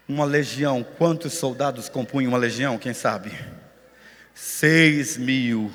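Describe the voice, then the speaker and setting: A man's voice: fairly high pitch, a bit bright. A man with a Brazilian Portuguese accent preaching a sermon as pastor in a church auditorium, impassioned and speaking straight to his congregation. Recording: echoey auditorium.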